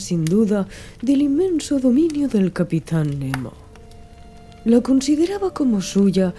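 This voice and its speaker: A woman narrates literary prose as an audiobook reader in a scripted storytelling style. Her mid-range voice has a warm tone, with background music playing under it.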